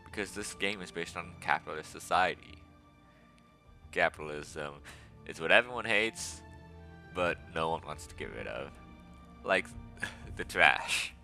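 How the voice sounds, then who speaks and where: A man with a deep, low voice and a bright, forceful edge, talking through his strategy game footage in a chatty, rambling way. Faint music plays underneath. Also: lively intonation, a little slow, gravelly, pauses often. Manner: chatty, rambling, self-aware asides. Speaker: gaming video host. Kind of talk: casual gameplay commentary.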